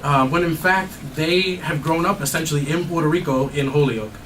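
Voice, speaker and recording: A man's voice: on the high side, normal speed, a bit bright. A man, an anthropology professor, answering audience questions in a thoughtful way with many fillers and restarts. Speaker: anthropology professor giving a talk. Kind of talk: academic Q&A answers. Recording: distant mic, faint noise.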